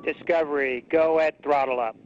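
A man's voice: a little high, steady tone, normal speed. A man making terse radio callouts from mission control over a crackly radio transmission. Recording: muffled distant radio link with loud noise.

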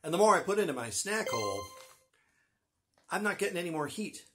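A middle-aged man with a husky voice gives a casual, wry snack review with dry humor. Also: sits high, very animated, a little fast, over music. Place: small room with bookshelves, indoors.

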